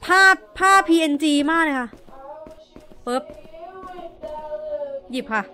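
A woman's voice: sits high, expressive, drawn-out words, bright, forceful tone. A young woman streaming a horror game, chatting along and swearing when startled. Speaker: VTuber streamer. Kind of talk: horror game let's play.

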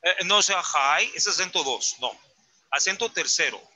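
Bright-voiced man teaching Mandarin. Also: a little high, animated, normal speed, poor audio. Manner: patient, corrects pronunciation step by step. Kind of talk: online language lesson.

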